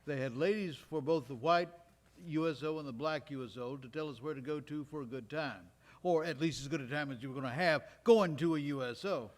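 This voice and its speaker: A man with a fairly high voice speaks fairly quickly, in a lightly acted delivery. He's an actor portraying a Georgia World War II veteran in a live stage monologue recorded in a recreation hall, reminiscing in a folksy, wry, conversational manner.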